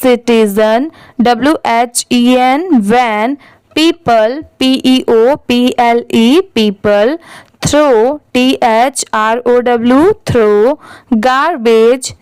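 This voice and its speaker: Brief: woman teacher, high voice, very crisp, spells words out letter by letter. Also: a little mellow, dry recording. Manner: spells each word letter by letter, then says it slowly. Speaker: English reading teacher. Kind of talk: slow spelling-and-reading lesson.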